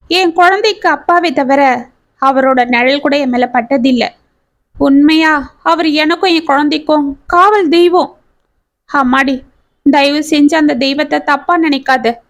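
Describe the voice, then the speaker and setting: A woman doing a grieving, tearful mother. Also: high voice. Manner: heartfelt confessional telling.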